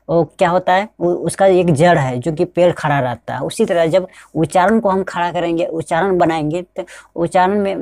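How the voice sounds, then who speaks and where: A spoken English teacher with a fairly low, creaky, mellow voice teaches pronunciation step by step in a clean studio recording with no room sound. She repeats each point and keeps asking viewers rhetorical check-in questions about whether they understand.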